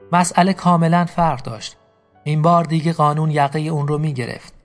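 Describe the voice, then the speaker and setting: Man, storyteller, dramatic narration, fairly high voice, faint music behind. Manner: addresses listeners directly, dramatic.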